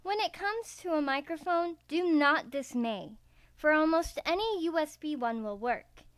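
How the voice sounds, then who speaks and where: A woman hosting a voice acting tutorial reads a scripted how-to slowly and methodically, one step at a time. Her high-pitched voice is expressive and a little slow, captured without echo on a USB karaoke microphone.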